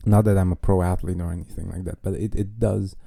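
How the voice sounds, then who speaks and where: Man, podcast host, casual monologue, dark mellow tone, dry close sound. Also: deep voice, steady tone, fast talker, vocal fry, no room sound. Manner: self-mocking, chatty, wry jokes.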